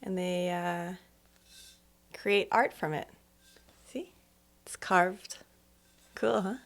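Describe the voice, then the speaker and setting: A woman hosting a casual first-time movie reaction, chatting and pausing the film to comment. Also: on the low side, fairly even intonation. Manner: chatty, laughs along with the film.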